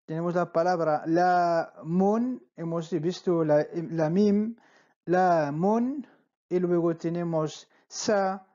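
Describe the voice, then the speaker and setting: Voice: medium pitch, fairly even intonation, slow, hardly any pauses, dark tone, lo-fi sound. A teacher explaining letters in Spanish, stretching out syllables and repeating each word several times, often checking with "¿vale?". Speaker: Arabic teacher. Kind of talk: slow spelling-out lesson.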